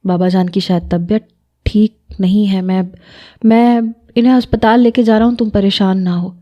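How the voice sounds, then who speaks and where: A woman voicing a shaken young man who tries to sound calm and reassuring. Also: mid-range voice, dull audio, close to an everyday voice. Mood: tense. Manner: reassuring, stammering under strain.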